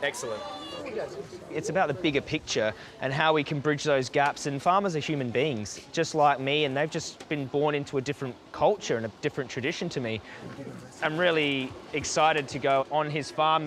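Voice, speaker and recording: A man's voice: a little high, moderate pace, background noise. A man chatting casually as an activist, putting questions and explaining his point of view. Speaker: vegan activist. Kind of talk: casual chat.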